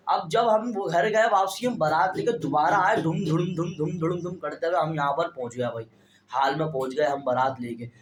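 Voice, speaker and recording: A young man telling a story to camera as a vlogger, chatty and constantly calling his viewers brother. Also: sits high. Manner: stands talking straight to camera. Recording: roomy echo.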